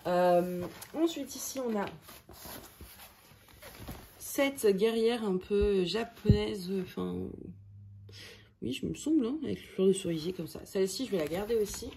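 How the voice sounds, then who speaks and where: A woman's voice: mid-range voice, lively intonation, unhurried, vocal fry, long pauses, mellow, a little hiss or hum. A woman chatting casually to her viewers while sorting craft canvases, thinking aloud and joking at her own expense. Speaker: crafting vlogger. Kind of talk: casual chat. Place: at home.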